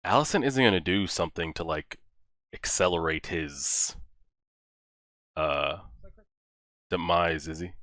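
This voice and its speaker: A man with a very low voice and a forceful, bright edge talks through a show in casual reaction commentary. He exclaims and talks back to the screen, and the sound is dry and close. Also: a little slow, long pauses, no echo. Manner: animated, exclaiming and talking to the characters. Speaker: reaction video host.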